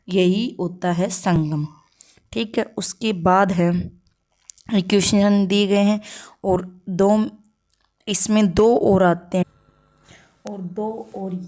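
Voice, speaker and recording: A woman teacher runs through an exam-prep grammar lesson in a middle-pitched voice. She fires off questions and answers them herself in a steady drill. She keeps checking understanding with short "okay" tags between points.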